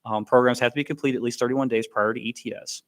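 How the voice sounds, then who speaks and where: A man leads an informal briefing in a mid-range voice. He explains rules plainly and often pauses on ums or restarts a phrase. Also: medium pitch, steady tone. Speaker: education benefits briefer.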